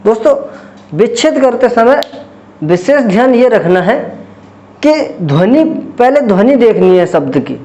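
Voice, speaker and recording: A man's voice: very high voice, big pitch swings, unhurried, mellow. A man teaching a grammar lesson for exam preparation, explaining step by step and answering his own questions as he goes.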